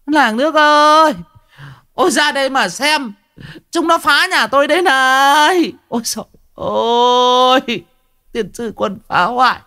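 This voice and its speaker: Male narrator voicing a furious foul-mouthed village woman, high and wailing, nonstop curses. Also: animated, moderate pace, pushed and bright. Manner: wailing, rhythmic cursing tirade.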